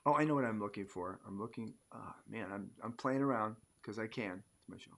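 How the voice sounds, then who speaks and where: An American man hosting a casual live-stream interview show, rambling with many fillers and sudden swings in loudness. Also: fairly low pitch, a little fast, vocal fry. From United States. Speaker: show host.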